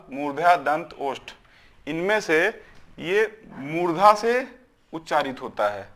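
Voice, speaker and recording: A man's voice: on the high side, a bit bright. A man teaching a grammar lesson. He asks questions, answers them himself and drills syllables aloud, often checking in with "is it not?".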